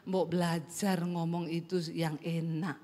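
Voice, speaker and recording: A woman pastor voicing a calm, grumbling middle-aged husband who mildly scolds his wife. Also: lowish voice, unhurried, voice pushed down, natural voice. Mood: scolding. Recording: reverberant hall with faint music.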